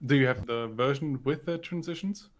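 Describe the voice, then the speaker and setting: A man whose first language is German co-hosts a podcast, chatting casually and thoughtfully with some hesitation. His voice is medium-pitched and his pace moderate.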